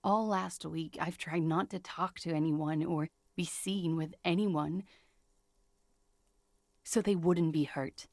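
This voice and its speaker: An actress voicing a frightened, guarded young woman who speaks in a measured, weary confessional manner in a video game. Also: lowish voice, steady tone, a little mellow, no room sound, studio quality.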